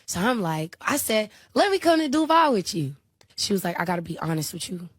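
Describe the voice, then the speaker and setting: A woman telling a story in a casual, animated, gossipy way. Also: medium pitch, fairly quick, husky, dry recording, studio quality.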